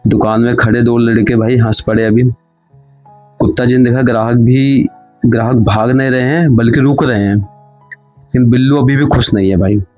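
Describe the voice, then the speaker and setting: Give me a chatty male storyteller narrating a comedy story, at a middling pitch. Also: fairly even intonation, normal speed, dull audio, faint music behind. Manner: chatty, addresses listener as brother.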